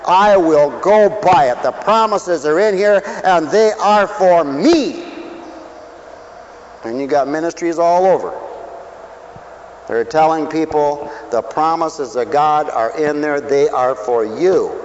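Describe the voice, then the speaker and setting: High-voiced man preaching a sermon. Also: slow pace, muffled recording, slight background noise. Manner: swings between loud preaching and low asides, asks the crowd questions.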